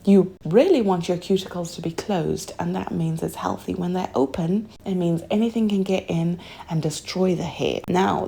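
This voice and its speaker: A young adult woman from Zimbabwe chatting through a hair product review, reading the label claims aloud and slipping into soft asides. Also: on the low side, creaky, husky. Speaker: hair care vlogger.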